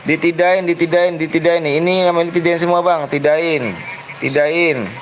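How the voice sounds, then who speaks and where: A man with a Jakarta Betawi accent streaming a game, talking quickly and repeating himself as he coaxes other players. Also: a little high, fairly even intonation, rough recording. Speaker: streamer running a custom game room. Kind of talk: live game stream chat. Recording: music playing behind.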